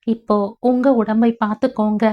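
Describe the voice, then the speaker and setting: A woman's voice: on the high side, flat delivery, moderate pace, muffled recording, natural voice. A woman playing an anxious young mother. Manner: anxious, soothing, comforting.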